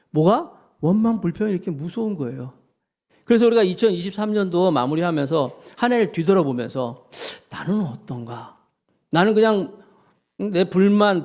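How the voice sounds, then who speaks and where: A male pastor giving a lively sermon, acting out grumbling voices and asking his congregation questions. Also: sits high.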